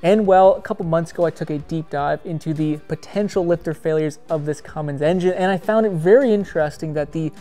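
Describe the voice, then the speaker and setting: A man's voice: a little high, brisk, hardly any pauses, faint music behind. A man in his thirties, a diesel mechanic, talking energetically in a vlog from a truck repair shop. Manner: energetic, emphatic, talks with his hands. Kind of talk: explanatory vlog talk.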